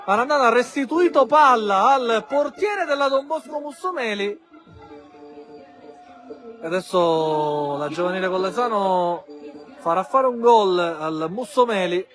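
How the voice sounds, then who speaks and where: A man giving live, excitable football play-by-play, bursting into shouts on chances and goals. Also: high voice, a little slow. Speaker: football match commentator. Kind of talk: live play-by-play goal commentary. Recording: crowd and music behind commentary.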